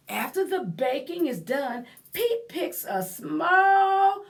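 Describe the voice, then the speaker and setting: A high-voiced woman works as a library storyteller, sharing a picture book with young children. She reads with plenty of expression, stopping to clarify things and to nudge her audience into joining in.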